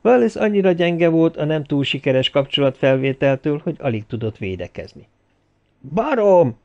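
Recsegő hangú férfi hangoskönyv-felolvasó. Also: male voice, a little high, muffled recording. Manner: expressive storytelling. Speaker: audiobook narrator. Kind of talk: scripted narration.

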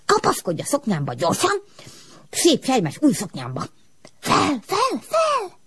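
An eerie old smoke spirit woman, put on by a woman reading a storybook, calls out in a thin, high, airy sing-song. Her husky whisper of a voice swoops up and down as she hurries someone along. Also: wildly swooping pitch, fairly bright tone, exaggerated voice. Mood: impatient.

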